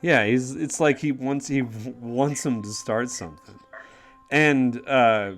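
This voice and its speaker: A man's voice: mid-range voice, takes it slowly, faint music behind. A man narrating as game master of a tabletop game, talking in a loose, rambling way. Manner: rambling, full of fillers and restarts.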